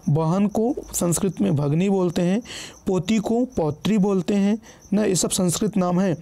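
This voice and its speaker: Going through an exam-prep vocabulary list one word at a time, a man speaks in a high, mellow voice at a moderate pace, often saying "ठीक है" to check in and correcting himself along the way.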